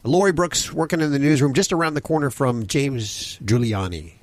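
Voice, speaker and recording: A man hosts a call-in radio show about pets, chatting in a casual, upbeat way. His voice sits at an ordinary middle pitch, and he stumbles now and then over small restarts. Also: dry recording. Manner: upbeat, chatty, a bit halting.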